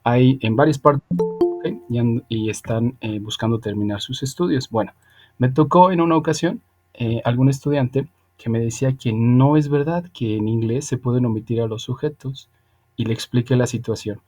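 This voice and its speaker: A man teaching English over a video call, his voice mellow and relaxed. He explains patiently and keeps checking in with his students with a quick "ok?". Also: medium pitch, faint music behind. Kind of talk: online class lecture.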